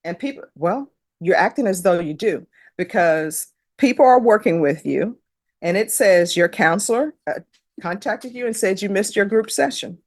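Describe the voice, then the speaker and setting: A woman's voice: mid-range voice, expressive, moderate pace, no room sound, studio quality. A middle-aged woman judge questioning a defendant in a courtroom, firm and lecturing, with pointed rhetorical questions.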